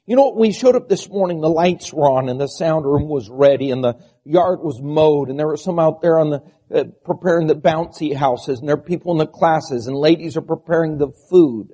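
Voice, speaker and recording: Male preacher, sermon delivery. High-pitched, mellow tone, strained and bleating, lots of rhetorical questions and listing. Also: brisk, hardly any pauses. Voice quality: strained, quavering, bleating voice from a vocal disorder (spasmodic dysphonia). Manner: rhetorical questions and repeated lists. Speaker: preacher and church pastor.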